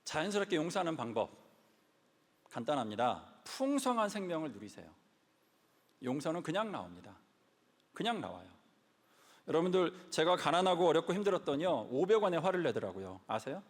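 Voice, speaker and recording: Animated man preaching in an echoing hall. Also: on the high side, fairly quick, pauses often. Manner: animated storyteller, repeats lines for emphasis. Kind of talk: lively sermon-style talk. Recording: long hall reverb.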